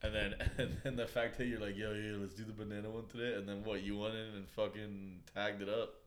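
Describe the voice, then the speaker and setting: A man's voice: on the low side, little pitch movement, fairly quick, a little hiss or hum. A young man co-hosting a podcast, chatting casually with loose, profane, laughing banter and acted-out quotes. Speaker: podcast co-host. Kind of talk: casual chat.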